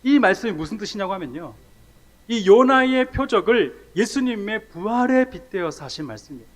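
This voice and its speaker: A middle-aged man from South Korea preaching a sermon in a church, telling his own story in a lively way and acting out the scenes. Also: sits high, fairly quick. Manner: animated storytelling, acts out scenes, laughs at himself. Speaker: missionary preacher. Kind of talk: sermon with personal testimony. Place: church sanctuary. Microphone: church sound system mic.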